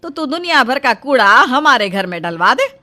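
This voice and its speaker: A woman voicing a bossy, quarrelsome middle-aged mother-in-law who scolds loudly in a cartoon story. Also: high-pitched, very animated, moderate pace, voice pushed up, full character voice. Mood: scolding. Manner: scolding, loud.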